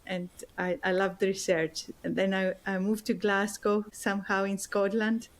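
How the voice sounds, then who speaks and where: A Greek woman with a Greek accent, a guest author and spiritual teacher, answers interview questions by sharing her personal story. She speaks earnestly and from the heart in a medium-pitched, flat, slightly slow voice, often repeating words while searching for them.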